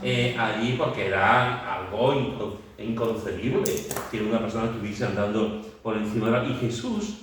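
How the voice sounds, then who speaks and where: A man's voice: fairly low pitch, animated, normal speed, a little hiss or hum. Man, Bible study teacher, vivid storyteller, lots of fillers, very echoey room, distant mic. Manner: vivid storytelling, acting out scenes with shouts and sound words; many fillers and restarts. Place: church meeting room.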